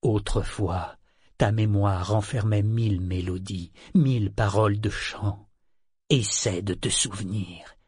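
A man voicing a worn-out male sea serpent who talks low, slow and insistent. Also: steady tone, darkish tone, slightly rough, no room sound, studio quality. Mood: pleading. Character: exhausted male sea serpent, stubborn and pleading.

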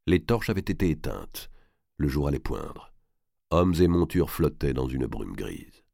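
A man narrating a historical novel in a measured, dramatic reading. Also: extremely low pitch, big pitch swings, gravelly, dark tone, no echo, studio quality.

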